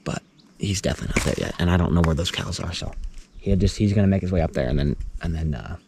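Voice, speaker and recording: A man's voice: deep voice, fast, creaky. A man giving casual vlog commentary, recorded outdoors in the backcountry. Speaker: outdoor vlogger. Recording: noisy outdoor field recording.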